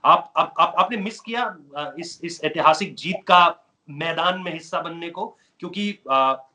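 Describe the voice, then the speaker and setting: Bright-voiced eager male interviewer. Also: on the high side, measured pace. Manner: long, winding, eager questions. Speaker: sports interviewer, host. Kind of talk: interview questions.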